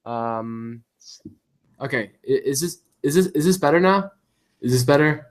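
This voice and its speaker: A man's voice: medium pitch, lively intonation, a little slow, a crowd in the background. Man with a glitchy half robot voice. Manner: rambling, hesitant, many restarts and fillers. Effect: glitchy robotic distortion, half robot voice. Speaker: podcast guest. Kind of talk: casual chat over a call. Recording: distorted staticky call line.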